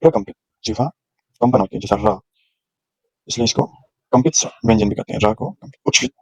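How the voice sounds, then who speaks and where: A man's voice: on the low side, brisk, husky, no room sound, rough recording. A male teacher giving a grammar lesson, explaining patiently and sounding out letters one at a time. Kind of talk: classroom lecture on grammar.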